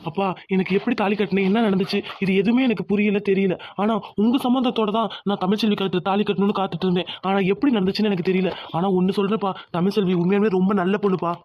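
An earnest young son from a cartoon, as a man voices him, pleading hard with a high, quick voice. The sound is dry and dull, lo-fi. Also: steady tone, lightly acted. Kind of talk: cartoon dubbing. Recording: dull lo-fi audio.

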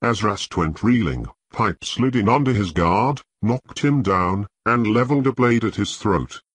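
A man narrating an audiobook in a measured, expressive storytelling manner. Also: on the low side, husky, no room sound. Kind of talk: scripted narration.

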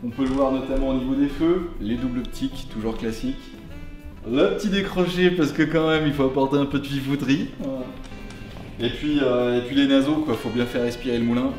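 A man with a middle-pitched voice presents cars casually to camera, tossing in tongue-in-cheek asides and slang. The sound is roomy, like a garage, with some music behind him. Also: steady tone, brisk, darkish tone. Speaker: host of a car show. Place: garage, indoors.

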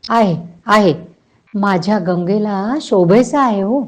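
A woman voicing a blunt, outspoken older aunt who teases and scolds loudly, in a read-aloud novel. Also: fairly high pitch, animated, a little slow, voice pushed up. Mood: teasing, scolding. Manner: loud, scolding, exclaiming.

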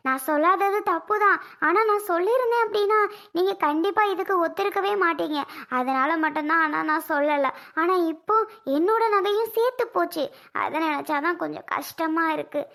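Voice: extremely high pitch, brisk, gravelly, sharp tone, full character voice. A performer playing a tearful young mother who sobs and accuses her family, in a family skit. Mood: tearful, accusing. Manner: plaintive, accusing and sobbing. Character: tearful young mother Sathya, quick to take offence.

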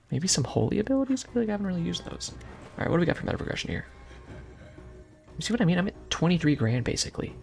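A soft-spoken young man giving casual, rambling gameplay commentary with jokey asides. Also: a little high, creaky. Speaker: gaming YouTuber.

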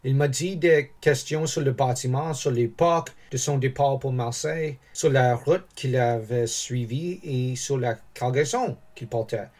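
A man reading an audiobook, voicing an earnest young sailor who answers calmly and respectfully. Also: medium pitch, unhurried, hardly any pauses, natural voice.

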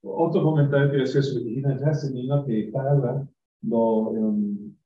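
A man's voice: medium pitch, steady tone, normal speed. A man presenting a book at an academic conference, talking off the cuff in a digressive way, with many tag questions and restarts. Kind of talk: spontaneous academic talk. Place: university venue. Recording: roomy, distant, dull live-stream audio.

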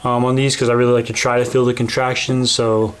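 A young man in his twenties talking casually in a home vlog voiceover with lots of fillers and a relaxed, rambling way of talking. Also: mid-range voice, brisk, clear, resonant tone. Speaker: fitness vlogger. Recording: background music under the voice.

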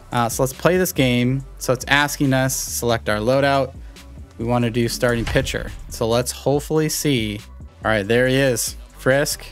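A young man giving live commentary on a baseball video game he is playing, talking to his viewers and reacting loudly to each play, with faint music behind him. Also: mid-range voice. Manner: excitable, talks to viewers while playing. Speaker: gaming YouTuber.

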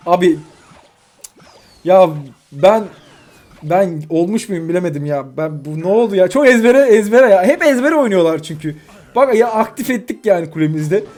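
A young man giving live commentary on his own mobile game matches, excitable and quick to vent frustration at his opponents. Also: sits high. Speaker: gaming YouTuber. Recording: faint music behind.

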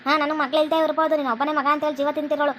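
Voicing every woman in a home-made cartoon, a female speaker with a North Karnataka Kannada accent scolds and dramatizes at a racing pace. Her high voice keeps a level tone and is fairly bright. A little hiss or hum sits under the recording.

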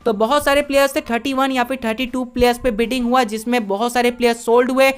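A woman's voice: on the high side, fairly even intonation, fast, smooth. A woman narrating a voice-over recap of a sports auction, listing results one after another and mixing English words into her Hindi.

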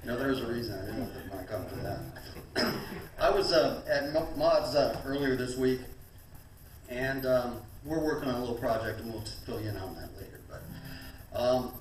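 A man's voice: mid-range voice, moderate pace, distant mic, a little hiss or hum. A middle-aged man in a church sanctuary who chats and jokes between songs, then sings worship to his own guitar at a stand mic. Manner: relaxed, chatty between songs, tells corny jokes. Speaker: church singer-songwriter. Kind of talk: joking talk and sung worship with guitar. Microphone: stand mic, filmed from a distance. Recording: echoey church, voice off-mic, loud acoustic guitar.

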